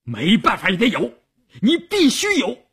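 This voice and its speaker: A man voicing a stubborn male army commissar who shouts orders forcefully. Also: sits high, huge pitch swings, unhurried, gravelly, breathy edge, pitched above the performer's own voice, heavily acted. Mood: commanding.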